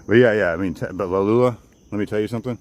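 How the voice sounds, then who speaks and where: A man's voice: lowish voice, racing, a little mellow. A man chatting casually to livestream viewers outdoors, rambling and often repeating his phrases as he goes. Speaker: livestreamer hosting a walk and talk. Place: outdoors on a walk in the woods. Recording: outdoor noise with insects and nature sounds. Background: crickets, outdoor nature ambience.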